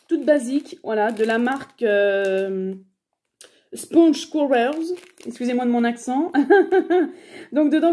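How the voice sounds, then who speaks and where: Chatty woman in her 30s doing a haul vlog, lots of ums, kinda high and mellow voice. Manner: chatty, hesitant, many fillers. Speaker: haul vlogger. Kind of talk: casual shopping haul chat.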